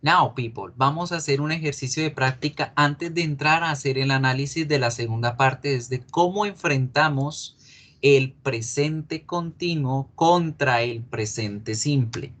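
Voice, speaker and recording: A male English teacher giving a class, explaining patiently, repeating key words slowly and asking students questions. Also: mid-range voice, a bit bright.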